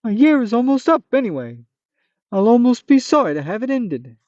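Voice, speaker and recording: Here the Manticora, once fierce and now solemn and philosophical, is voiced by a reader who is high, loud and theatrical, with big pitch swings and light acting at a normal speed. It sounds solemn and grand, captured on a dry, dull, muffled recording.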